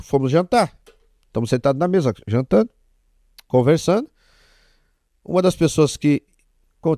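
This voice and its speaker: Animated Brazilian man telling a testimony. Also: a little high, no echo, clean studio sound. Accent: Brazilian Portuguese. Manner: animated, acts out dialogue. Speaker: apostle, guest. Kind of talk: testimony storytelling.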